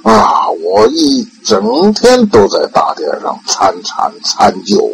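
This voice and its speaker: An older man voicing a clever nine-year-old boy monk, earnest and drawn-out. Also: sits high, huge pitch swings, creaky, a bit bright, a little hiss or hum, pitched above the performer's own voice, full character voice, poor audio.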